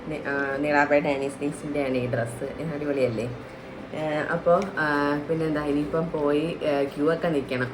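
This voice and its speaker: A young woman chatting casually to her viewers as a family vlogger, often adding a friendly tag to her sentences. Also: sits low. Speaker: family vlogger and clothing seller. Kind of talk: casual vlog chat. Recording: background music under the voice.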